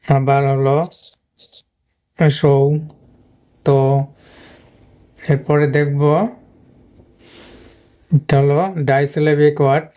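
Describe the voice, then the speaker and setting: A man explains a lesson slowly, stopping often and repeating words as he points things out. His voice is smooth and mellow. His pitch stays flat and even the whole time. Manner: slow, halting, repeats words while pointing at the board. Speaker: English teacher.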